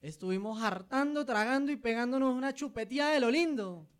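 A man voicing a brash, blunt man from Santander who talks loudly in rough slang, with an imitated Santander accent. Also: very high-pitched, brisk, pitched above the performer's own voice. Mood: brash, rowdy. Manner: loud, rough, slangy outbursts.

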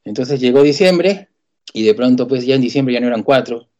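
A middle-aged Peruvian man with a Peruvian accent tells his story, colloquial and animated. He acts out the people he quotes. His mellow voice moves at a quick clip and comes through a muffled, lo-fi recording. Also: medium pitch. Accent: Peruvian Spanish. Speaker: guest telling his story. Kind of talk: personal testimony storytelling.

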